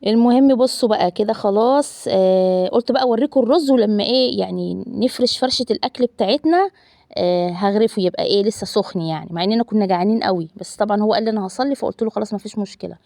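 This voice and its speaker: A woman in her thirties with an Egyptian Arabic accent, a family vlogger, narrates her cooking and chats casually to viewers, calling them loved ones and using lots of fillers. Her mid-range voice is gravelly and dark, and she talks rapid-fire. The recording is clean studio sound with no room sound.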